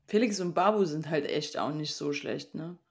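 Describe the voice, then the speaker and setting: A woman's voice: low voice, moderate pace, husky. Laid-back slangy young woman. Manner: relaxed, slangy, chiming in with short remarks. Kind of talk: casual chat about a reality show.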